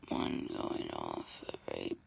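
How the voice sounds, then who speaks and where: A young vlogger, just awake and hurting, records a whispered diary from bed, phone front camera at arm's length. Her speech is slow, tired, groggy and mostly unvoiced, and a little background noise sits in the bedroom recording.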